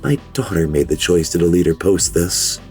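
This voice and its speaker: Playing a frightened, weary middle-aged father, a man gives a grave, measured first-person confession for a horror narration in a low, gravelly voice that's a little mellow, with lively intonation. Faint music sits in the background, and he sounds anguished but resolute.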